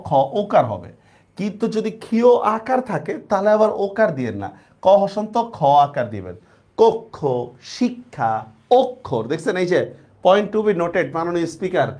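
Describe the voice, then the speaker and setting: A man's voice: a little high, a little mellow. A man teaching an online class, repeating points and checking that students follow.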